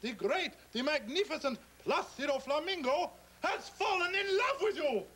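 A man's voice: very high-pitched, lively intonation, normal speed, sharp tone, a little hiss or hum, exaggerated voice. A man playing a lovesick, grandiose flamingo opera singer in children's puppet comedy, with florid theatrical delivery and operatic crooning over music. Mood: ardent.

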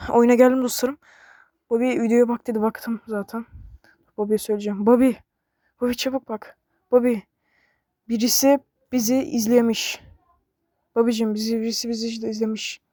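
A woman giving excited gameplay commentary, chatty and talking straight to her viewers, recorded on a bassy microphone. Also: normal speed, pauses often, dry recording, studio quality. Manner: excitable, frequently yelling to her game companion; chatty, addresses viewers directly. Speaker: gaming video creator.

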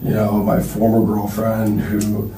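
A young man under police questioning, talking haltingly and filling nearly every phrase with "like". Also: on the low side, completely flat delivery. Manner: halting, filler-heavy, constantly says like. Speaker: suspect being questioned. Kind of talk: police interrogation. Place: police interview room. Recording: roomy distant recording with faint noise.

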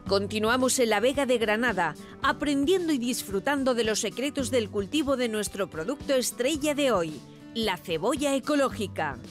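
A woman reading a scripted voice-over narration, measured and informative. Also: a little high, expressive, faint music behind. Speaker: documentary narrator.

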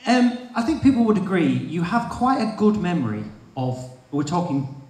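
A man with a fairly high voice interviews a guest on stage, asking long, stumbling questions with eager interest. He sounds distant from the mic in an echoey hall. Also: big pitch swings, moderate pace, darkish tone. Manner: eager, rambling questions with hesitations. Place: large expo hall stage.

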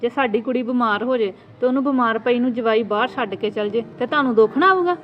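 Outspoken aunt, played by a woman, firm and lecturing, rapid delivery. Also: on the high side, muffled recording, soft background music, lightly acted. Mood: stern. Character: wise outspoken aunt who lectures the family. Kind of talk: amateur family drama.

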